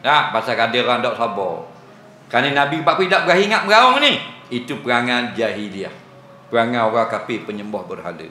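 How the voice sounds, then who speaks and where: A man's voice: medium pitch, expressive, a little fast, pushed and bright, a little hiss or hum. A man with a Terengganu Malay accent gives an evening religious lecture as a teacher, joking and teasing his audience and laughing often. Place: village prayer hall. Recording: echoey hall with faint ambience.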